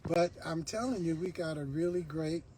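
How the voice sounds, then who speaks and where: A woman co-hosting a casual livestream chat from a car, talking in a relaxed, chatty way. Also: low-pitched, normal speed, slight background noise, rough recording. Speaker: co-host.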